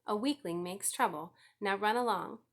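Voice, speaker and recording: A woman voicing a calm, kindly farmer father in a storybook, with a measured, gently firm, dry manner. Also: mid-range voice, close to an everyday voice.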